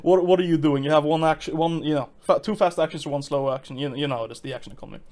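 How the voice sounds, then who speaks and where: Genre: tabletop game. Sex: man. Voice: slightly high, hesitant. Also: very fast, a little mellow. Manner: hesitant, many fillers and restarts, chuckling. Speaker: game master.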